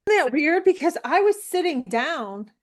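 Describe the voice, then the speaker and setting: A woman's voice: sits high, moderate pace. Chatty american woman in her sixties. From United States. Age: 60s. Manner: animated, rambling with many fillers. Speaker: interview guest. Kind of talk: casual storytelling.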